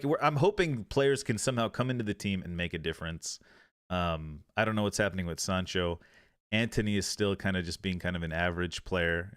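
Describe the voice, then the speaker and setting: A man's voice: lowish voice, no echo, clean studio sound. A man hosting a casual football podcast, rambling with many fillers and restarts. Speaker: podcast host.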